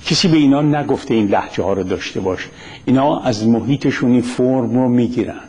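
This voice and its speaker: Middle-aged man, Isfahani accent, husky voice, blunt emphatic lecture monologue. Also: darkish tone. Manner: blunt, emphatic, rising pitch on key phrases. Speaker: commentator on religion.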